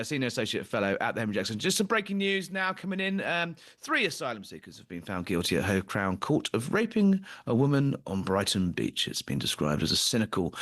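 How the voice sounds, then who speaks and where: A man's voice: mid-range voice, a bit bright. A man hosting a political talk show from Washington, firing off indignant rhetorical questions. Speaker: host. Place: studio in Washington DC.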